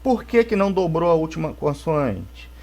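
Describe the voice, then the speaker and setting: A male teacher with a Brazilian accent gives a recorded English grammar lesson to schoolchildren. He explains slowly and keeps checking in with the class. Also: a little high, very animated, dark tone. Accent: Brazilian Portuguese. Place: home, for a video lesson.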